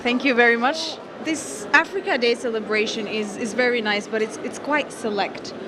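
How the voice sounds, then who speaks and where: A woman's voice: on the high side, normal speed, noisy background. A woman interviewing guests politely on the spot at an event. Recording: music and loud crowd behind.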